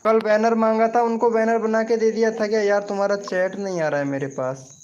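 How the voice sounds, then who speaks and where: A man hosts a casual live stream, bantering and teasing his viewers in a rather high voice. He keeps up a steady, chatty flow. The audio is dull and lo-fi. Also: fairly quick.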